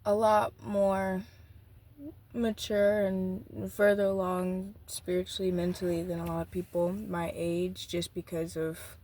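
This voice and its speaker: A nineteen-year-old woman vlogging an unplanned journaling session outdoors beside a busy street, rambling and reflective, with halting restarts. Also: fairly low pitch, flat delivery, darkish tone.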